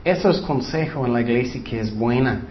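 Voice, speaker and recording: A man's voice: mid-range voice, fairly quick. A man, a pastor, giving informal Bible teaching in an earnest, conversational way with frequent asides. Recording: dull lo-fi recording.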